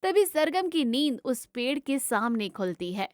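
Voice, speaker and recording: Dry, higher-voiced woman narrating a story. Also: big pitch swings, a little slow, a little mellow, clean tone, no echo.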